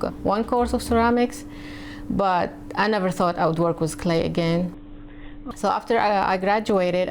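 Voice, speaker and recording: A Lebanese potter, speaking with a Lebanese accent, tells her personal story in an interview. Her voice is medium-pitched, with slight background noise and faint music.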